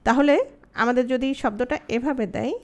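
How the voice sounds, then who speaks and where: Speaking with a Bangladeshi Bengali accent, a woman runs an online grammar lesson, putting lots of questions to her students and slowly repeating example words. Her pitch sits fairly high and her intonation stays fairly even.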